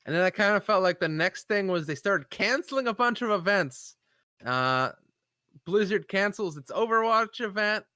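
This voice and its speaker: Rambling through gaming news with lots of fillers and agreeing, a podcast co-host on a live stream keeps the chat casual. He speaks at normal speed in a high-pitched, expressive, bright and forceful voice, recorded at studio quality with no echo.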